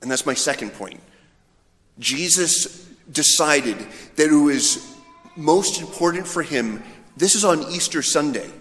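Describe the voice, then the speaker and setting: Soft music plays in the background as a male priest, his voice fairly high and fairly bright, gives an informal storytelling homily with lively intonation and a measured pace, voicing imagined dialogue. The large church gives the recording a long, echoey reverb.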